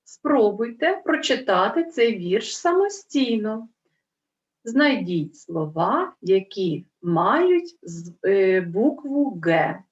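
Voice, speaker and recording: A woman teaching a reading lesson to young children, spelling out syllables slowly and clearly and asking coaxing questions. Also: medium pitch, big pitch swings, far from the mic. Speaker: primary school teacher. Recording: roomy, dull lo-fi recording.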